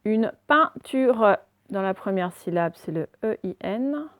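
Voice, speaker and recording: A woman teacher giving a reading lesson to young children, spelling out letters slowly and checking in often. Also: mid-range voice, lively intonation, mellow, no room sound, clean studio sound.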